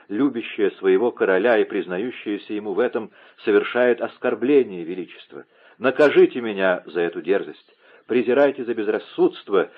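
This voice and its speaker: Мужчина-чтец озвучивает отчаявшуюся молодую влюблённую девушку, страстно умоляющую. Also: male voice, fairly low pitch, close to an everyday voice. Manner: impassioned, pleading. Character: young woman, distraught, pleading lover. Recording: narrow phone-like lo-fi sound.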